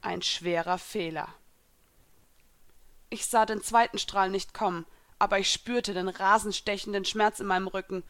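A woman reading a first-person story aloud in a steady narrating voice. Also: medium pitch. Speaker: reader.

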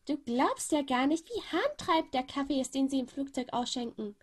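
A woman voicing an overexcited Polish teenage boy who rambles on and on, with a slightly husky voice. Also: sits high, expressive, moderate pace, pitched above the performer's own voice. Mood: chatty.

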